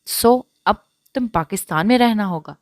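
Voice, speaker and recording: A woman's voice: mid-range voice, expressive, dry recording, clean studio sound, pitched above the performer's own voice, close to an everyday voice. Woman doing a cheerful young man greeting friends.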